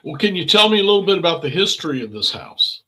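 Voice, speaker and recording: A man's voice: high voice, big pitch swings, fast talker, bright, forceful tone. A man hosting a casual conversational interview, chatty and informal with his questions and introductions. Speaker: interview host.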